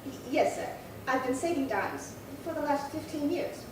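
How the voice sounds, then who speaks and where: In a 1950s-style radio crime drama, a woman plays a prim, indignant old lady in her late seventies, fussy, chatty and rambling, here sounding flustered. Her high voice moves at a moderate pace, close to her everyday voice. The recording is very echoey, distant and noisy.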